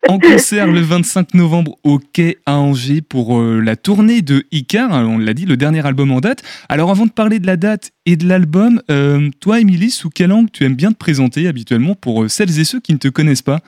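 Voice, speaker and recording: A man's voice: a little high, animated, brisk, hardly any pauses, a little mellow, no echo, studio quality. A man hosting a radio interview in a friendly, informal way, reading details from his notes. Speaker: radio host.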